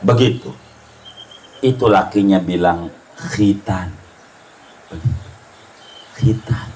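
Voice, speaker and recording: A man, giving a sermon at a family celebration and telling humorous stories with slow, emphatic stresses. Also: medium pitch, darkish tone, slight background noise, poor audio. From Indonesia. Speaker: preacher. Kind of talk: sermon at a circumcision feast.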